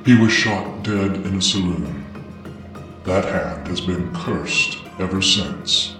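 A man voicing a grave, dignified male Grim Reaper in a storybook reading, speaking slowly and in a hushed, measured way. The voice sounds distant and heavily echoing. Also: low voice, music in the background.

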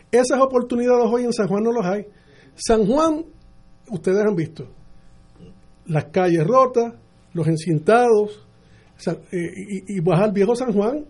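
Puerto rican guy on the radio, high voice but mellow, keeps stumbling and restarting. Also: slightly rough. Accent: Puerto Rican Spanish. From Puerto Rico. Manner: earnest, halting with many restarts. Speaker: mayoral candidate guest. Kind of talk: radio interview.

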